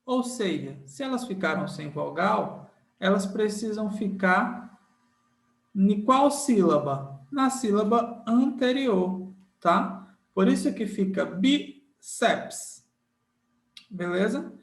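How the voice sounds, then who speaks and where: A man's voice: high-pitched, animated, takes it slowly, creaky, echoey room. A man teaching an online lesson in a friendly, informal way, repeating each rule and checking in with the students often. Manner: repeats key rules, frequent checking tags like "tá?" and "certo?"; uses many diminutives, friendly and informal. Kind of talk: online grammar lesson with screen sharing.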